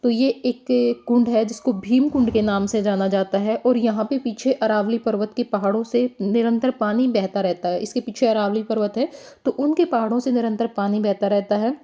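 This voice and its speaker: A young woman with a Haryanvi accent, chatting in a casual travel vlog and explaining things slowly with lots of fillers. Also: a little high, mellow. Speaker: vlogger.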